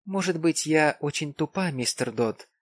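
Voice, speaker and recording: A man's voice: fairly high pitch, animated, normal speed, dry recording, pitched above the performer's own voice. Man putting on a cold suspicious wife. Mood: accusing. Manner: icy, pointed. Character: suspicious sharp-tongued wife, cold and accusing.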